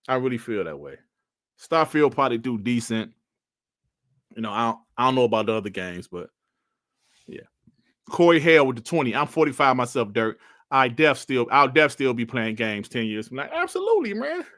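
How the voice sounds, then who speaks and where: A man in his forties chatting casually on a livestream, reading out chat messages and bantering with loud laughs and slang. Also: mid-range voice, big pitch swings, fairly quick, long pauses, no echo, studio quality. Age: 40s. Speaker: streamer reading live chat.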